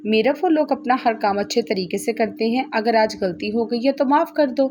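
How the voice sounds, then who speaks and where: A woman voicing a patient, firm middle-aged mother who reasons calmly with her daughter. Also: fairly high pitch, normal speed, a little hiss or hum, natural voice.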